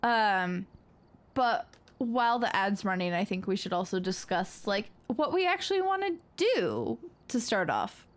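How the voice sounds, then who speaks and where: Brief: young female streamer host, unhurried delivery, chatty and theatrical, giggles a lot. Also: mid-range voice, very animated. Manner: chatty, laughs often, dramatic reactions. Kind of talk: casual live-stream chat while gaming.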